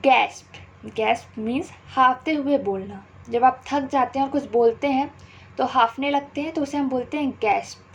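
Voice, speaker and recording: A young woman teaching English vocabulary, repeating each word and example sentence slowly and clearly. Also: high-pitched, highs cut off, a little hiss or hum. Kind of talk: slow bilingual vocabulary lesson.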